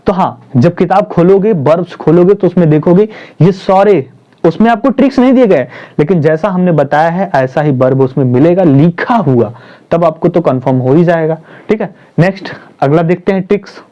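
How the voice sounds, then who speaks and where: High-voiced man teaching grammar. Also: mellow. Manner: repeats points, asks and answers his own questions; spells out terms slowly, stresses syllables. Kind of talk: Hindi classroom-style grammar lesson. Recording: dull lo-fi recording.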